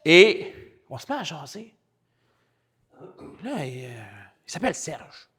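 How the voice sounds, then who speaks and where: A man with a Québécois French accent, a pastor preaching a sermon in a lively, colloquial storytelling way. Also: on the high side, slow, breathy edge. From Quebec. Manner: animated, colloquial and chatty, with spoken English slang.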